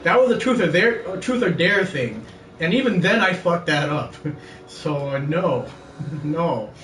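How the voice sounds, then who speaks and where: A young man rambles through a story while gaming, laughing often and acting out what his friends said. His voice sits on the high side, a bit bright and expressive, at a measured pace. The recording sounds roomy and distant, with faint ambient noise.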